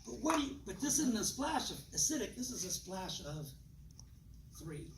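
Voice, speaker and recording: A man's voice: high-pitched, normal speed. Male presenter, folksy live-demo patter, acts out dialogues; distant, roomy, noisy capture. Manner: folksy, animated, acts out dialogues with changing voices. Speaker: presenter demonstrating water machines. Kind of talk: live sales demonstration to an audience. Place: room with a live audience. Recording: echoey room, distant mic, loud background noise.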